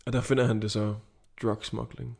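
Casual male storyteller, mid-pitched, playful, slips into character voices. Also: level tone, vocal fry, darkish tone. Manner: playful, acts out characters' lines. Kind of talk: casual improvised storytelling chat.

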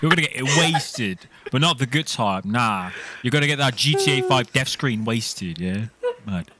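A man's voice: fairly low pitch, moderate pace, heavy background noise, pitched below the performer's own voice, close to an everyday voice. A man voicing a brash young male Liverpool lad in an exaggerated put-on Scouse accent, full of street slang. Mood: cocky banter.

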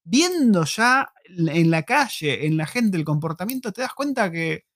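Animated Rioplatense man joking on a podcast. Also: high voice, a little slow, no room sound, studio quality. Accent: Rioplatense Spanish. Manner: animated, joking storyteller, frequent laughter. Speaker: podcast co-host. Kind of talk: casual podcast chat.

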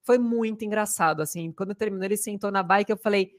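A woman's voice: medium pitch, fast. A woman, co-hosting a podcast in casual, chatty talk, laughing often. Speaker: podcast co-host. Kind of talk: casual chat.

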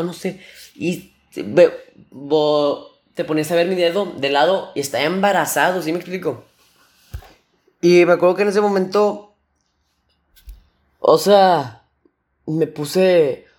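A young man with a Mexican accent telling stories on his solo podcast in a slangy, animated way, imitating sounds with his mouth. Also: a little high. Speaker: podcast host. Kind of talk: casual solo podcast storytelling.

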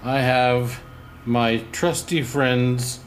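A man's voice: mid-range voice, fairly even intonation, extremely slow, slight background noise. A man playing a tabletop game, chatting casually and thinking aloud in short, choppy phrases.

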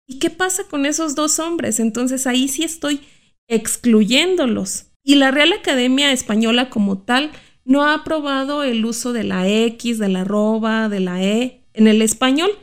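A woman with a high, clean voice appears as a guest expert in an interview, explaining inclusive language. She is careful and reflective, and poses rhetorical questions.

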